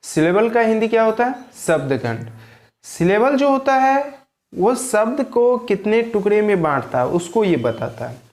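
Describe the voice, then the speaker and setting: Man drilling a grammar lesson. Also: high-pitched. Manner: drills points by asking and answering his own questions; addresses viewers as friends, repeats key words. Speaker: English teacher.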